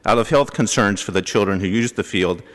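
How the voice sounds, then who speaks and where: A man reads a prepared statement at a city board's public comment. His voice is deep and he is measured and factual. The sound echoes through a large chamber. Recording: long hall reverb.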